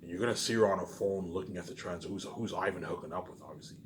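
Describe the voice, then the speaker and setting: A vlogger with a low voice talks fast, rambling casually and repetitively at his audience, swearing a lot, and his emphatic bursts trail off into muttered tags. The background is clearly noisy.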